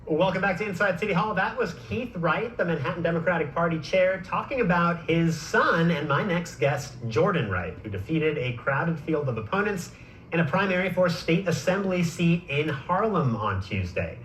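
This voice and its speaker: A man hosting a political news program, asking questions in a brisk, conversational way. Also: on the high side, lively intonation, fairly bright tone, echoey room, slight background noise, low-quality recording. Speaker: TV news host.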